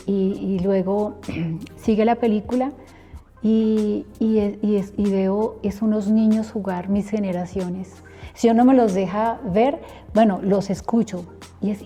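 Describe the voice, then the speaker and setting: A woman's voice: medium pitch, warm tone. A middle-aged woman, a preacher earnestly telling her personal testimony and acting out remembered conversations.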